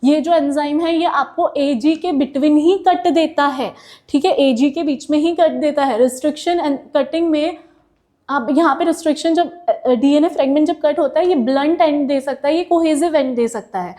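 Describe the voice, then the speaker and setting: Female biology teacher, high mellow voice, relaxed explaining, Indian English accent on technical terms. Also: moderate pace. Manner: explains with homely examples, calls students "beta"; mixes English terms into Hindi, frequent "theek hai". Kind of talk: classroom lecture.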